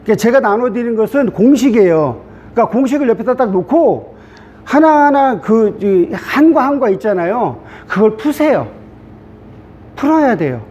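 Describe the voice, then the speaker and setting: Lively high-voiced male Greek teacher. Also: moderate pace. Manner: chatty, repetitive, asks class "됐죠?". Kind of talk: classroom lecture. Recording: dull low-fi sound with faint hiss.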